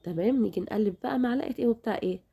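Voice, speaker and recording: Talking straight to her viewers, this cooking channel host, who has an Egyptian Arabic accent, runs a chatty home cooking demo at a racing pace. Her fairly high voice has a dark tone, vocal fry and a breathy edge, a little worn after a recent illness.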